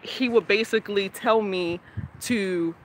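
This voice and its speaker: A woman's voice: medium pitch, a little slow, a little hiss or hum. A young woman, talking candidly in a personal vlog, rambling and laughing often. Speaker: vlogger.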